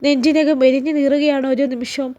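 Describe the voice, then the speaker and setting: A woman narrating a serialized family story in a steady, emotive reading. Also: high voice, a little fast.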